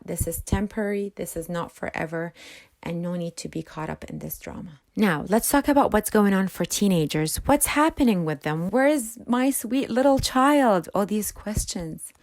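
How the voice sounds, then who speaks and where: A woman's voice: fairly low pitch, gravelly, darkish tone, dry recording. A middle-aged woman counselor who moved to a Western country, giving earnest, direct parenting advice to camera. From immigrant to a Western country.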